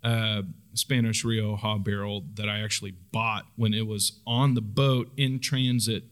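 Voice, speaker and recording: A man talking casually as a podcast host, relaxed and rambling with lots of fillers. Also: fairly low pitch, measured pace, clean tone. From Oklahoma. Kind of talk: casual chat.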